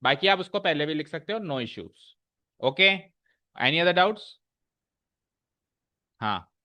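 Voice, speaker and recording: A man teaching a maths class, walking through each step and pausing to check that students follow. His voice sits a little high and rings bright and forceful. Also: expressive. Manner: explains step by step, checking in with questions. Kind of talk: classroom lesson.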